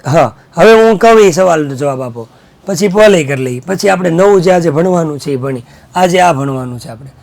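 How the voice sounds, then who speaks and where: Gravelly, high-voiced male teacher. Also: a little fast. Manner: animated, mixes in Hindi and English, makes students chant answers. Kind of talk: online class lecture.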